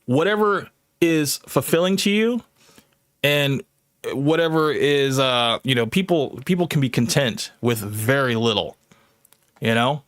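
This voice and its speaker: Blunt male debater, mid-pitched, dry close sound. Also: animated, a little slow, fairly bright tone, no echo. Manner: blunt, opinionated, repeats himself. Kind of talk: live online debate.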